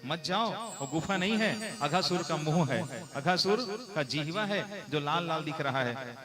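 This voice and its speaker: A man voicing Lord Krishna, a calm, firm god warning the cowherd boys in a devotional story, with a raised, gentle pleading tone. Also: on the high side, measured pace, crowd noise, voice pushed up.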